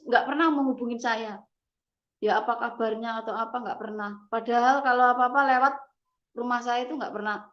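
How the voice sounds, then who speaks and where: Woman, personal testimony: halting, emotional, slightly high voice, muffled lo-fi audio. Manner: halting, emotional, frequent "gitu loh". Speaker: testimony giver.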